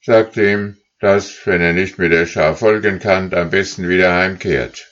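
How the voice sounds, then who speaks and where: Man reading aloud as an impatient old lead goose, curt and commanding, husky, slightly muffled storybook recording. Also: low-pitched, expressive, a little slow, heavily acted.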